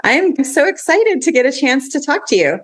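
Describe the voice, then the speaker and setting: A woman hosting a podcast, reading a prepared introduction and then chatting in a bright, upbeat way. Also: high-pitched, sing-song, moderate pace. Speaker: podcast host. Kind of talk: scripted intro, then casual interview.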